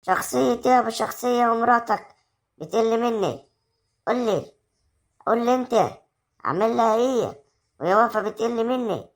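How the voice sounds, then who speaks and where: A woman's voice: fairly quick, long pauses, lightly acted. A woman with an Egyptian accent acting a domineering village mother who scolds her son's wife in an amateur family drama. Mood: scolding. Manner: scolding, shrill and confrontational. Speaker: actor in amateur web drama.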